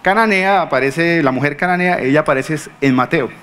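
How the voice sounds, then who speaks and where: Colombian pastor preaching, acts out the characters, keeps asking the crowd stuff, voice a bit high. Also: male voice, fairly quick. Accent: Colombian Spanish. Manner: animated storytelling, acting out quoted speakers; rhetorical questions to the congregation. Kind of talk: sermon.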